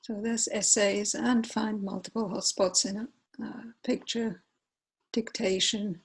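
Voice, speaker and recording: A Finnish woman in her forties, speaking with a Finnish accent, shares her screen to present a software tutorial. Her medium-pitched voice is fairly even, with a breathy edge. She goes slowly and hesitantly, pausing often with fillers and correcting herself.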